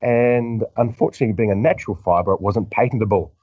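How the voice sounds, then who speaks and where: A middle-aged man with a broad New Zealand accent, explaining haltingly and in a measured way as a doctor being interviewed. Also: fairly low pitch, no echo, phone-quality sound. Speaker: medical doctor, podcast guest. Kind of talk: informal explanatory interview answer.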